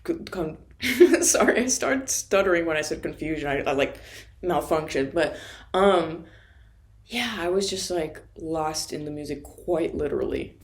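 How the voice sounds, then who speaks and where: A woman's voice: low-pitched, expressive, a little slow. A woman from Florida telling a rambling, profane, self-mocking story in a casual monologue and laughing often. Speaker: vlogger.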